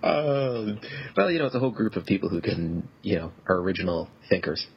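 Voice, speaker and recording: A man's voice: low-pitched, lively intonation, brisk, muffled recording, a little hiss or hum. A man from Canada chatting as a podcast guest, easygoing and wry. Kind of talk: casual podcast chat.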